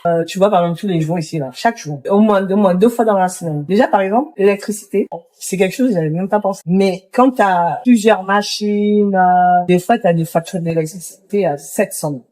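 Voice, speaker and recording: Young woman, restaurant owner, warm low-key tone, chatty storyteller. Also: brisk, few pauses. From Congo. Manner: animated storytelling with lots of fillers. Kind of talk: casual interview conversation.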